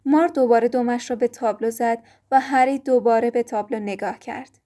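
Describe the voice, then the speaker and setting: A woman narrating a children's fantasy audiobook in a calm, measured storytelling manner. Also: on the high side.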